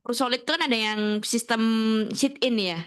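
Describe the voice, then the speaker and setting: A woman host with a slightly high voice keeps the chat casual. She asks eager, friendly questions and draws out her guest. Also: normal speed, a bit bright.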